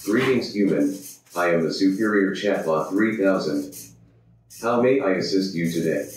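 A man's voice: sits low, normal speed, a little hiss or hum, lightly acted. A man voicing a boastful, pompous robot chatbot that adds beep-boop noises, in a very echoey room, far from the mic. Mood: smug.

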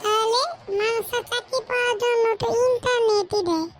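Cartoon job seeker, very high squeaky voice, stammering, clueless. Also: fairly even intonation, fairly quick, slight background noise. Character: silly dim-witted young man job seeker. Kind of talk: comic cartoon dub.

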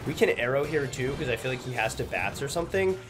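A man's voice: mid-range voice, expressive, quick pace. A young man with a slightly congested, stuffy nose gives casual gameplay commentary as a gaming video host. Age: young adult. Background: loud music.

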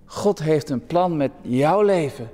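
A man's voice: on the high side, expressive, takes it slowly. Earnest male preacher in a ringing hall. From Netherlands. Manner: earnest, warm pastoral address with restarts. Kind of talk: sermon. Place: church hall. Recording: long church reverb.

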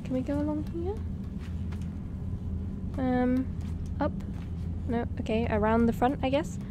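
High-voiced, jumpy woman horror game streamer. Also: measured pace, background noise. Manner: jumpy, scared, sweary reactions. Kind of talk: casual horror game commentary.

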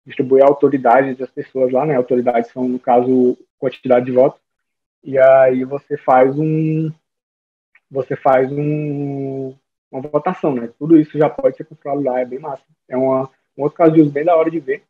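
A man's voice: a little high, husky. A young man with a Brazilian accent giving a casual online talk over slides, informal and full of fillers and restarts. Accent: Brazilian Portuguese. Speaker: guest speaker. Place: small room at home. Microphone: webcam or laptop mic on a video call. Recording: phone-like narrow sound.

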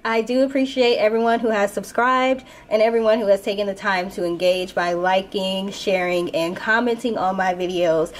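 A woman's voice: medium pitch, fairly even intonation, normal speed, few pauses. Woman, tarot channel host, casual spoken reading.

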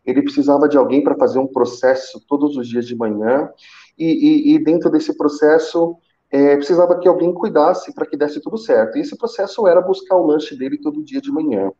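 Speaking through a headset on a live video call, a thirtyish senior call center manager shares his career story earnestly, often restarting with repeated words. His fairly high, dark-toned voice comes fairly quickly, and the audio is muffled and roomy.

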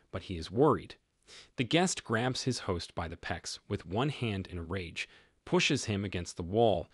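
Low, husky male recap narrator. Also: no room sound, clean studio sound. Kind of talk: scripted story narration.

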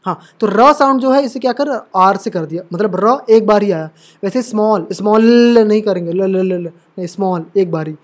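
A man's voice: high voice, moderate pace. A man teaching English pronunciation rules at a board, explaining patiently and repeating himself often to check that students follow. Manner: calls viewers brother and dear. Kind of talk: classroom lesson at a board.

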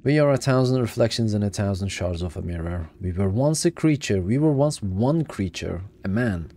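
A calm menacing worm creature, read by a man. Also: fairly low pitch. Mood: calm menace. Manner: cold, unhurried, speaks as "we". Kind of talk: reading game dialogue aloud.

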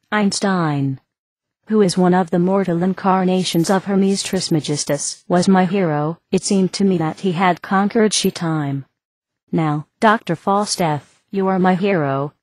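A woman giving a measured, even scripted narration of a fantasy story. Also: lowish voice, no room sound.

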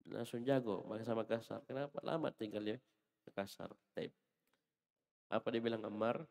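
Low-voiced man teaching Arabic. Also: normal speed, creaky, a little mellow, in a large hall. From Indonesia. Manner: patient, explains and corrects readings. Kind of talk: classroom book lesson, translating and correcting.

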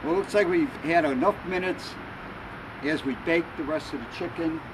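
A man talks through his cooking at an outdoor grill, calm and unhurried as he explains each step. His voice sits a little high. Street and traffic noise from the city carries clearly behind him. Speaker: home cook. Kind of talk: casual cooking demonstration.

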